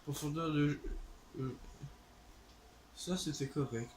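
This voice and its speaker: A fairly high, slightly mellow voice belongs to a Québécois-accented gaming channel host doing let's play commentary. He speaks slowly with fairly even intonation, thinking aloud hesitantly with plenty of fillers, with slight background noise behind him.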